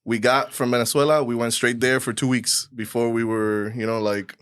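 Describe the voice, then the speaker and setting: A man born in Cuba, a podcast guest in his thirties, telling his own story in a relaxed, rambling way with many fillers and restarts. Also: mid-range voice, normal speed, clean tone, no room sound, studio quality. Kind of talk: casual storytelling.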